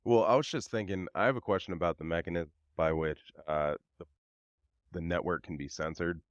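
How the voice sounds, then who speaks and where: Male podcast co-host, very low voice, halting delivery, dull lo-fi recording. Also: no echo. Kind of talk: casual podcast chat. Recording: dull lo-fi sound.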